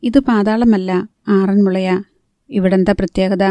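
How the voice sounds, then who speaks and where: Anxious young woman pleading softly, read by a narrator, mellow dark voice. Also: mid-range voice, fairly even intonation, measured pace, dry recording, lightly acted. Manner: earnest, hushed pleading.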